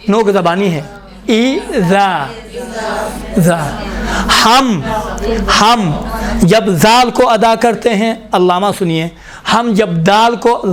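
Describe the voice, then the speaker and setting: A man teaching a classroom lesson on recitation pronunciation, repeating each sound slowly for his students. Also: high voice.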